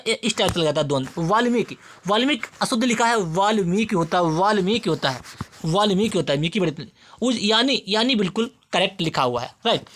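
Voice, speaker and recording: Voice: mid-range voice, a bit bright, a little hiss or hum. A repetitive, drilling exam-prep teacher. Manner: repeats each word several times while explaining; addresses students directly, drilling answers. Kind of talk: exam-prep spelling lesson.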